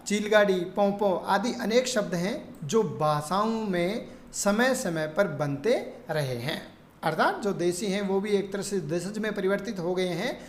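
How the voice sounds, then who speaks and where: A woman teaching a grammar lesson, explaining terms and reading long word lists in a steady teaching tone. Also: medium pitch. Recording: echoey room.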